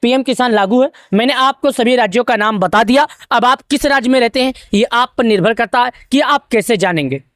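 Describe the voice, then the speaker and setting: A woman's voice: fairly high pitch, a little fast, hardly any pauses, no echo, studio quality. A woman from Uttar Pradesh presenting a news channel, narrating a screen-recorded tutorial step by step and speaking directly to farmers in a repetitive way. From Uttar Pradesh, India.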